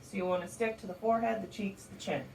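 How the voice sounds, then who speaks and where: Speaking fast and creaky with fairly even intonation, a woman shows volunteers how to care for shelter cats in a soft, patient way. She uses high sing-song baby talk with the cats. The audio comes from a distance in an echoey cat room, with audible background noise.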